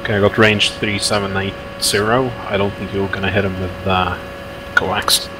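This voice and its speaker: A man talking in a halting, matter-of-fact way over crackly military radio while playing a tank simulation. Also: fairly low pitch, flat delivery. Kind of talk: casual military game radio chat. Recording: crackly radio, loud vehicle-like hum.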